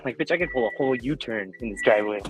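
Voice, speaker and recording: A man's voice: mid-range voice, expressive, racing, poor audio. A man with a mid-range voice chats casually, joking in a profane way and laughing often. Faint music plays behind him. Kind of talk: casual chat.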